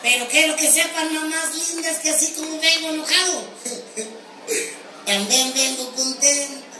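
A man playing a naive, boastful rural ranch hand with a Mexican accent, telling bawdy stories and bursting into shouts. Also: moderate pace, loud music behind the voice. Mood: cheeky. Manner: high squeaky voice, bawdy punchlines, shouted outbursts. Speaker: stand-up comedian in character. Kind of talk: live comic monologue. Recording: roomy live venue from far off, crowd and noise.

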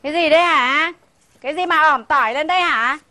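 A woman's voice: sits high, a little fast, bright, forceful tone, no room sound. An actress with a Northern Vietnamese accent playing a scolding, sarcastic elderly mother-in-law in a sitcom. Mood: indignant. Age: older. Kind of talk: sitcom acting.

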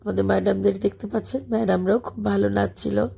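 This voice-over, recorded separately, comes from a Bangladeshi woman who teaches school and keeps a vlog; she's hoarse from illness, her husky, dark voice worn to heavy gravel. Speaking quickly at a medium pitch with flat delivery, she chats warmly about the kids, rambling with many fillers.

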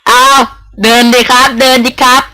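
A young man giving casual gameplay commentary, rowdy and excitable, trash-talking with lots of cursing and laughter. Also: very high voice, moderate pace, no room sound. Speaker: channel host playing online checkers.

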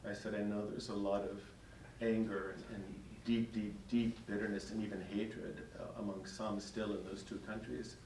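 This middle-aged priest has a fairly low, slightly mellow voice with little pitch movement and a moderate pace. Chuckling and conversational, he shares a story with his parish before an audience in a church hall, recorded on a distant mic with echo and a little hiss or hum.

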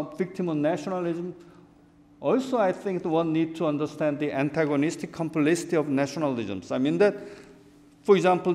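A middle-aged man from South Korea delivers an academic keynote from a lectern microphone in a large conference hall. His voice sits a little high for a man and trails into a long hall reverb. He talks with animated gestures and keeps restarting his phrases. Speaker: keynote speaker. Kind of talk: academic lecture.

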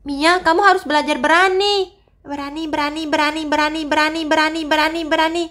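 A woman's voice: sits high, fairly even intonation, fairly quick, a bit bright. A woman playing a bossy, scolding older sister. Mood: chiding. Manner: scolding, impatient. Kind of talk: voice-acted game role-play.

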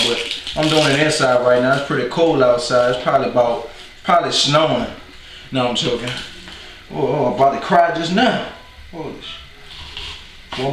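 A man with a New Orleans accent talks his viewers through a home cooking session, slangy and rambling, cracking jokes as he goes. His voice sits a little high. The kitchen rings with echo and a clear noise runs underneath. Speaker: cooking video host. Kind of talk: casual cooking vlog. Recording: echoey room with clear noise.

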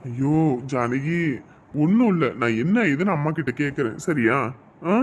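Brief: actor for a torn, devoted husband in a family drama; animated, slightly high voice, reassuring and exasperated. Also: male voice, moderate pace. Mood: soothing. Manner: pleading, reassuring, then grumbling to himself. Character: devoted young husband caught between wife and mother. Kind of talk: melodramatic web-series acting.

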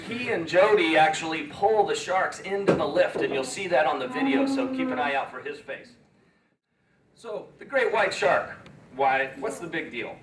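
A man leading an expedition gives an earnest, halting, emotional speech to schoolchildren, recorded from far off in a large room. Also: a little high. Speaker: expedition leader. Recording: echoey room from far off, faint ambience.

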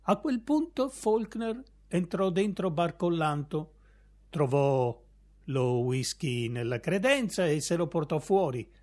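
A man reading a literary short story aloud in a slow, measured storytelling manner. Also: on the high side, lively intonation, darkish tone. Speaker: reader.

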